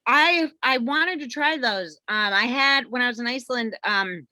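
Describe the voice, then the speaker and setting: A woman who is a guest in a casual food-tasting chat, animated and laughing as she tells stories. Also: a little high, normal speed, no echo. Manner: animated storyteller, laughs while telling.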